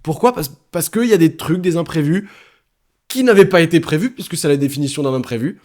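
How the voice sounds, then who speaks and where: A man's voice: on the high side, a little fast, a little mellow. A young man hosting a casual solo podcast, chatty and self-deprecating, with many fillers and restarts. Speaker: podcast host.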